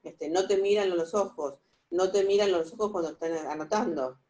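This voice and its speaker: An Argentine woman gives a lecture on forensic psychology over a video call. She speaks haltingly, stopping often for fillers and quick "¿sí?" checks with her audience, and her voice sounds mellow and warm. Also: lowish voice. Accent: Argentine Spanish.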